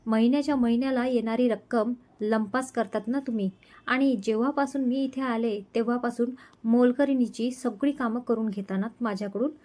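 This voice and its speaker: A woman's voice: a little high, darkish tone, lightly acted. A woman voicing a young woman who fiercely protects her little brother in a storybook reading. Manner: firm and defiant.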